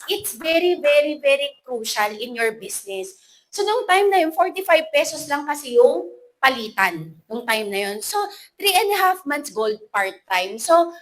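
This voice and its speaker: Filipino woman, 30s, high bright voice, animated motivational speaker, playful. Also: poor audio. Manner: lively, animated, playful, mixing English into Filipino. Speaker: motivational speaker at a business event. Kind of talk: motivational talk to an audience.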